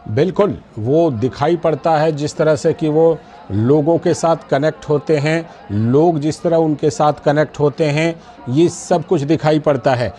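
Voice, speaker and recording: A man's voice: on the high side, a little slow, warm tone. A man anchoring live news, prompting a guest with questions and short affirmations.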